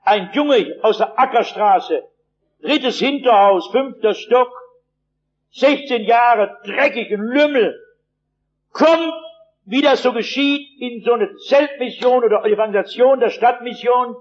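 A male preacher delivers a sermon in a high voice. He tells his stories vividly and emphatically, with dry humor. The old recording sounds dull and lo-fi. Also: a little slow.

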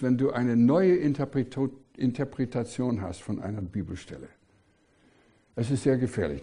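Mellow-voiced older male preacher. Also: mid-range voice, husky. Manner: emphatic, rhetorical questions, frequent hesitations. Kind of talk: sermon.

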